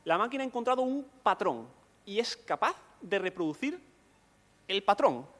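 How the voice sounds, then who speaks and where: Male lecturer, fairly high voice, patient explainer, echoing hall sound. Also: big pitch swings, normal speed, a bit bright. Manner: explanatory, asks rhetorical questions. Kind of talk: conference lecture.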